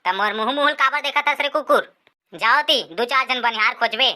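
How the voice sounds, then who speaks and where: A woman voicing a sharp-tongued village mother in a cartoon, scolding her son with a Chhattisgarhi accent. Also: high voice, moderate pace. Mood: nagging. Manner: scolding, threatening.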